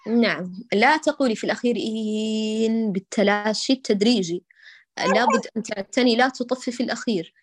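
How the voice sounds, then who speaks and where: A fairly high-voiced woman coaching a student in Quran recitation, calm and exacting. She breaks words into drawn-out single sounds to model each letter. Her voice comes across close and dry, with no room sound. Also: no room sound. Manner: patient, corrective, models sounds slowly and precisely.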